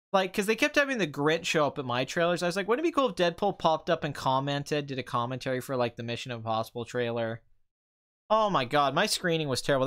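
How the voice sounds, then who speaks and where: A film commentator with a fairly high, fairly bright voice hosts a relaxed, rambling live stream. Two hours of talking have left his voice slightly strained and tiring.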